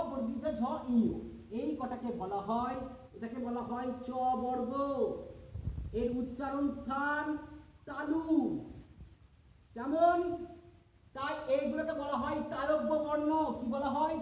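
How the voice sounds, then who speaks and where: Teacher, male, very high voice, patient drilling style, recorded from a distance in a boomy room. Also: a little mellow, a little hiss or hum. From Bengal. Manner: patient, repeats points and checks understanding. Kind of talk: classroom lesson. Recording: echoey room, far from mic.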